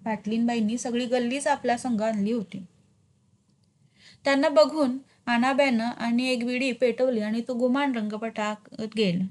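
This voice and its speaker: A woman narrating a story in a lively, expressive reading style. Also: a little high, moderate pace.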